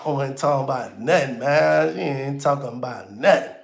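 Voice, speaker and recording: A man's voice: mid-range voice, normal speed, creaky, echoey room. A man hosting a casual livestream, talking loosely and slangy straight to his viewers, with auto-tune on his voice. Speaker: livestream host.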